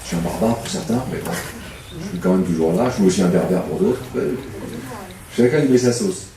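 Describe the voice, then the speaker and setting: A man's voice: low voice, expressive, a little fast, far from the mic, crowd noise. Joking man, echoey hall from afar. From Paris suburbs, France. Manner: humorous, self-mocking, chatty with the audience. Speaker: temp agency manager speaking at a public debate. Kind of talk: joking public talk. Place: community hall.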